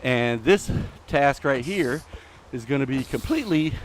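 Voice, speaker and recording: A man's voice: mid-range voice, expressive, measured pace, slight background noise. Breathless man chatting while gaming. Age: middle-aged. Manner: chatty, rambling, talks to game mobs. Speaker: host. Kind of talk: live gameplay commentary.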